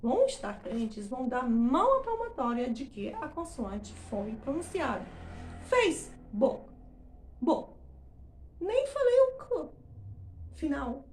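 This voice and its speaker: This teacher's high-pitched voice has a darkish tone and big pitch swings, with a roomy sound and a little hiss or hum. Teaching English pronunciation in Portuguese, she demonstrates words in a drawn-out, emphatic way and frequently checks in with quick questions.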